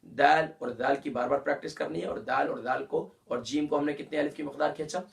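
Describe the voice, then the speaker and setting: A man teaching a Ramadan tajweed lesson. He explains letter sounds, then recites verses slowly with long drawn-out vowels. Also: a little high, fairly even intonation, vocal fry.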